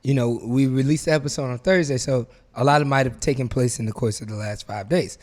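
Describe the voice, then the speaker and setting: A man's voice: medium pitch, fast talker, darkish tone. A man co-hosting a podcast in casual chat, speaking in an emphatic, slangy, boastful way. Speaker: podcast co-host.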